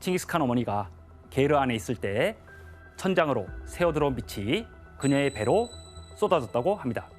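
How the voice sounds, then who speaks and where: A man lecturing on history in a TV studio, measured and explanatory, often pausing with little "yes" fillers. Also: medium pitch, sing-song, faint music behind.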